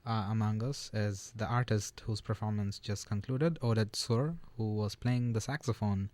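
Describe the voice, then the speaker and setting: Male radio host, low voice, halting and filler-heavy, dry close studio sound. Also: steady tone, a little mellow, no room sound. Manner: hesitant, many uh fillers, affirming. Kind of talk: radio interview.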